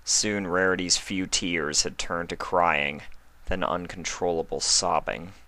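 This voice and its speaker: A channel host introduces a fan fiction reading in casual conversation, then moves into storybook narration. His deep voice is steady in tone and a little slow, sounding pushed and bright with no room sound.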